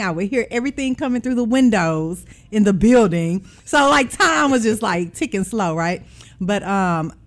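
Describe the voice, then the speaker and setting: A woman, a radio personality, talking casually about her career as a studio guest. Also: medium pitch. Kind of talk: casual interview talk.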